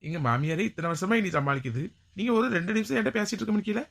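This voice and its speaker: A woman playing a feisty, quick-tempered village woman in a skit. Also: mid-range voice, expressive, vocal fry. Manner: brash, bossy.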